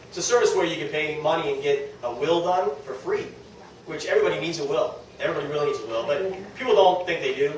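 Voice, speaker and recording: A man from New England, slightly high-voiced, talks casually and motivationally to a small direct-sales team, poking fun at himself and repeatedly checking in with the group. The room is very echoey, with faint noise, and the distant mic leaves him sounding set back.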